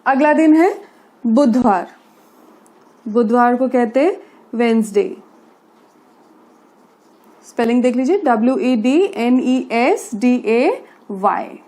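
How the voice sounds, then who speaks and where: A woman's voice: on the high side, animated, a little mellow. A woman teaching English vocabulary in Hindi. She repeats each word patiently and spells it out letter by letter. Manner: slow, patient, spells words letter by letter and repeats "theek hai". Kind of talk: spoken English lesson in Hindi.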